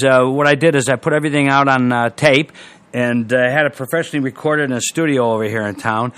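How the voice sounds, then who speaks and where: An older comedian explaining his craft in a relaxed, rambling way, full of fillers. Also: a little high. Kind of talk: casual explanation.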